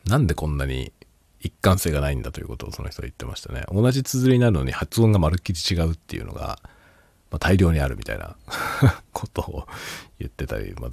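A man's voice: rumbling low, vocal fry, darkish tone, husky, no echo. A man hosting a casual solo talk show, rambling and laughing a lot while tipsy. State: drunk. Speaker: podcast host.

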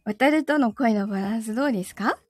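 A woman who is a livestream host and voice actor chats casually on stream, teasing in a giggly way as she greets commenters. Her voice is fairly high and quick, recorded clean in a studio with no echo through a microphone and audio mixer.

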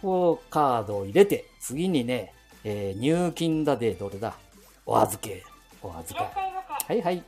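With faint music behind him, a man in his 70s who hosts a podcast wanders outdoors and into a bank ATM booth, musing aloud in Nagoya dialect with chuckles and asides. His mid-range, a little mellow voice is unhurried and swings widely in pitch.

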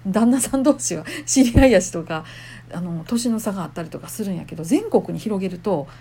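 A woman's voice: mid-range voice, creaky, dark tone, breathy edge. A woman with a Kansai accent, a temple wife who talks casually and chattily to her listeners and laughs often. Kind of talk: casual monologue.

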